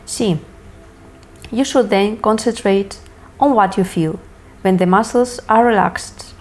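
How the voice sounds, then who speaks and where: A woman instructor reading scripted lesson narration in a measured, deliberate way, setting out each step separately. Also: medium pitch, darkish tone. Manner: measured, deliberate, enunciating list items one by one. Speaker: hypnosis course instructor.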